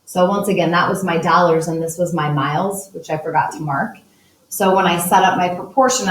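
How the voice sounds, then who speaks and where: A woman teacher talking through math problems step by step, working as she writes and uses a calculator. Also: on the low side. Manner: talks through steps while writing and using a calculator. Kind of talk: recorded math lesson. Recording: echoey room, voice a bit distant from the mic.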